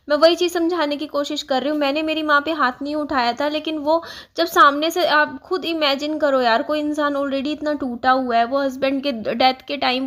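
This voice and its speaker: A woman's voice: high-pitched, a bit bright. A young woman vlogger telling a personal story in a casual, earnest way, explaining at length with many fillers.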